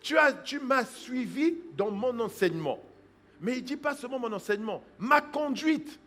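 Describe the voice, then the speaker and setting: Speaking at normal speed in a very high-pitched voice with lively intonation, a pastor preaches his sermon. Hushed asides give way to loud exhortation, he voices people's excuses as quotations, and he breaks into praying in tongues.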